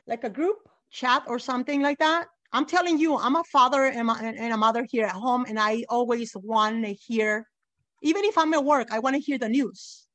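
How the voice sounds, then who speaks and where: A woman's voice: on the high side, a bit bright. A middle-aged mother giving emotional, insistent testimony as an interview guest, near tears and repeating herself.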